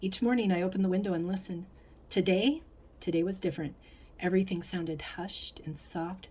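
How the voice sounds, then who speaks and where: A woman voicing a warm, unhurried elderly grandmother in a read-aloud storybook, speaking in a gentle, instructive way. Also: lowish voice, fairly even intonation, slightly rough. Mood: calm. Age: older. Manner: gentle and instructive, softly affectionate.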